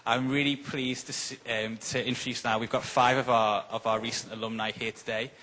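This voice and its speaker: Man, panel moderator, mid pitch, halting, filler-heavy. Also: level tone, sharp tone, poor audio. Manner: hesitant, many fillers and restarts. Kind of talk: hosting a panel. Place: event hall.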